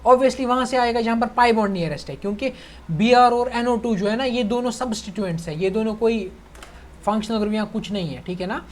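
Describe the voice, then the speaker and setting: A young man teaching chemistry in a casual online lecture, chatty, calling his students "bhai" and checking that they follow. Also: high voice. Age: young adult. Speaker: chemistry tutor.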